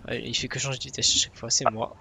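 A man's voice: mid-range voice, vocal fry, pushed and bright. A man giving casual tutorial commentary as a flight simulator presenter.

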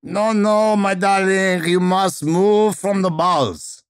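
A man voicing a commanding elderly woman movement teacher with a Russian accent, speaking slowly and theatrically. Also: sits high, smooth, no room sound, clean studio sound, voice pushed up. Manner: slow, theatrical, drawn-out vowels.

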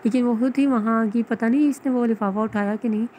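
A woman reading the lines of a stern, reserved young man in a romance novel, quiet and curt. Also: on the high side, steady tone, fast talker, a little hiss or hum, natural voice.

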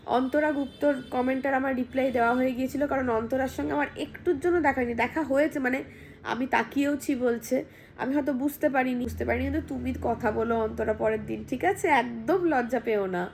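A woman vlogger, hoarse from a cold, chatting casually at home and reading out viewer comments. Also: high-pitched, steady tone, fairly quick, darkish tone, slight background noise. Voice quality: husky, gravelly.

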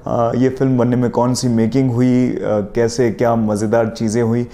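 A man's voice: mid-range voice, little pitch movement, moderate pace, warm tone. A man who made the film speaks earnestly to his viewers in a casual outro. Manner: earnest, appealing. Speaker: channel host and filmmaker.

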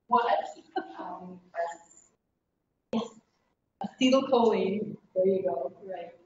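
A woman's voice: medium pitch, drawn-out words, pauses often. A woman teaching a class in a casual, chatty way, often laughing as she explains. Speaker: instructor. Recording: echoey, distant, dull classroom recording.

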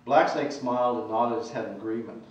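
A male author reads aloud from his novel at a talk, in a measured storytelling manner. He is far from the mic in a very echoey room, with faint background noise. The audio is dull and lo-fi. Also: mid-range voice. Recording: echoey, distant, dull lecture recording.

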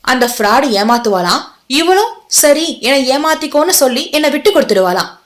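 A woman's voice: fairly high pitch, animated, moderate pace, fairly bright tone. A woman voicing a bitter, betrayed young husband who scolds harshly in an audio novel.

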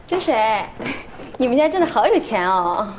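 A woman's voice: on the high side, very animated, measured pace, a little hiss or hum, low-quality recording. An actress in her twenties playing a pushy, gossipy young woman in a TV drama, brash and nosy. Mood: nosy, eager. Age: 20s. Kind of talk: TV drama acting. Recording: background music.

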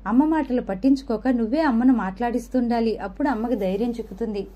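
A woman's voice: on the high side, quick pace, muffled recording, lightly acted. A frail elderly grandmother, read by a woman. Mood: sad, tender. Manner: tender, sorrowful.

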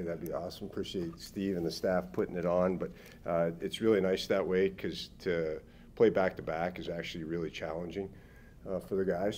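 A man's voice: low-pitched, darkish tone, a little hiss or hum. A middle-aged man, a hockey head coach, answering postgame questions in upbeat coaching phrases at a press table mic. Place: press room, seated at a table. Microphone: table microphone.

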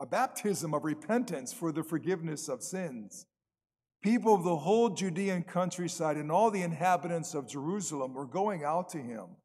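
Priest, male, formal measured reader; cathedral echo, long church reverb, voice sits a bit high. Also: a little mellow. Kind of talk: gospel reading and homily. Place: large church.

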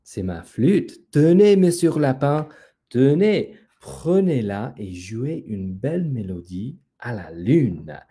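A man voicing a proud, gentle male peacock in a children's story, speaking in a slow, sing-song way. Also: medium pitch, big pitch swings. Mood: generous.

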